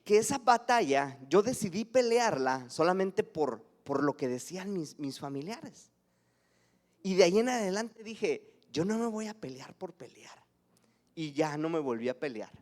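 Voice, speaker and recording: A man's voice: high voice, darkish tone. A man with a Mexican accent preaching a conversational sermon, asking his congregation questions and acting out stories from his childhood. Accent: Mexican Spanish. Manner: conversational, acts out anecdotes and asks the congregation questions. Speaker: pastor.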